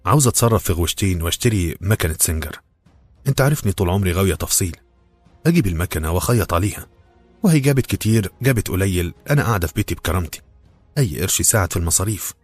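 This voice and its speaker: A man voicing an anxious Cairene housewife who coaxes and apologizes quickly, speaking with an Egyptian accent. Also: low-pitched, lively intonation, husky, soft background music. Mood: pleading. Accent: Egyptian Arabic. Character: pleading Cairene housewife, anxious to help her family.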